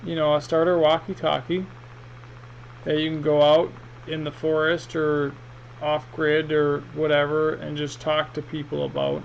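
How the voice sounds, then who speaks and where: Background noise and a muffled sound color this unboxing vlog, where a man offers an unscripted, rambling, hesitant product review. He speaks a little slowly in a fairly high, monotone voice.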